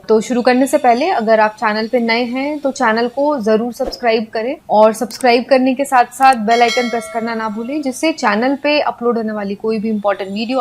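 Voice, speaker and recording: A young woman teaching an English pronunciation lesson, explaining step by step and repeating example words slowly. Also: a little high.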